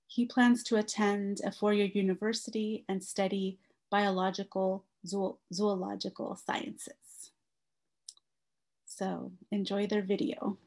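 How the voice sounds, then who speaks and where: Woman host, steady scripted reading of introductions. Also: mid-range voice, slow pace. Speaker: event host introducing students.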